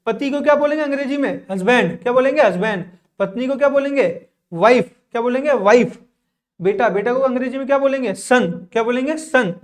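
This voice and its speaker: A man's voice: very high-pitched, a little fast. Man drilling English words in class. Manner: asks questions and answers them himself, repeating words; drills and repeats with frequent "theek hai". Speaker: English teacher. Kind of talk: classroom lesson in Hindi.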